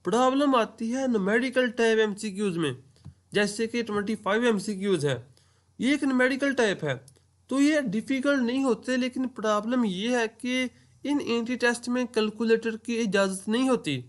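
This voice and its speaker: A man's voice: very high-pitched, normal speed. A man from Pakistan giving an explanatory lecture on entry tests, walking through worked examples step by step. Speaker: entry test teacher.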